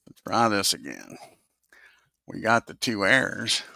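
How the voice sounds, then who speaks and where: Brief: male host, low and gravelly, bright cutting tone, unhurried play-by-play for a simulated ball game, mutters to himself over the software. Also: big pitch swings, dry recording, clean studio sound. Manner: talks to himself while working the game software; swears under his breath when the software fights him. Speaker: host of a baseball simulation channel.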